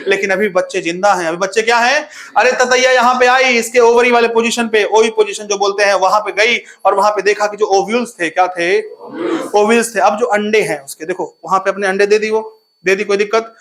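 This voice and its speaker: A man's voice: high voice, fairly bright tone. A young man teaching a biology class online, constantly quizzing his students and teasing them with a laugh. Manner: call-and-response questioning, playful teasing; laughs often.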